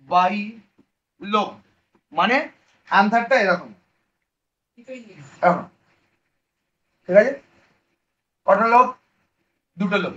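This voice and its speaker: A man with a Bengali accent teaches a biology lesson in a high voice. He fires questions at his students, answers them himself and keeps mixing English terms into casual talk. The recording sounds dull and lo-fi. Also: bright, forceful tone. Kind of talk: online class lecture.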